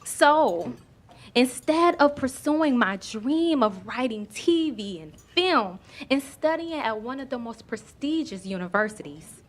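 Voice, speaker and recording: A woman from Miami with a thick Southern US accent, giving a personal storytelling speech as a guest author, addressing the audience directly. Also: on the high side. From Miami, Florida.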